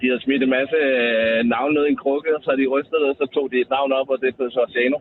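A man's voice: medium pitch, steady tone, a crowd in the background. A man calling in to a radio show, easygoing and laughing often in casual chat. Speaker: phone-in guest. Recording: phone line with hiss.

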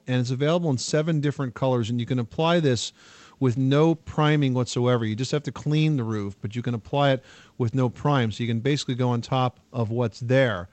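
A man hosting a home improvement call-in radio show, explaining products in a steady, knowledgeable way. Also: mid-range voice, dry recording.

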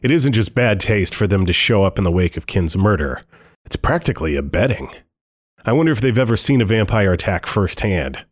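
A man with a fairly low voice narrates a first-person thriller audiobook. His telling is tense and dryly wry, like an anxious inner monologue. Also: expressive, a little fast.

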